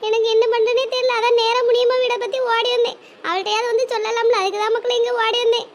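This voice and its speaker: A woman plays a fretful middle-aged village woman in a cartoon drama. Her voice is extremely high and childlike, and she speaks. She keeps turning her worries over as she talks. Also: level tone, quick pace, slight background noise. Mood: pleading.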